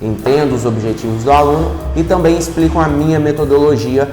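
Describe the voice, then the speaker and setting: A man with a Brazilian Portuguese accent teaches an online English lesson in a relaxed, chatty manner and keeps checking in with his listeners. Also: on the high side, fairly quick, roomy sound, big-room sound, faint music behind.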